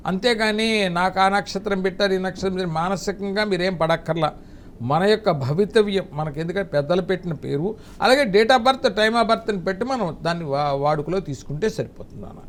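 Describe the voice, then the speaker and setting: A man's voice: high voice, fairly quick, a little hiss or hum. A middle-aged man, an astrologer, giving fatherly advice to callers on a call-in show. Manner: fatherly, calls callers dear, recites hymns.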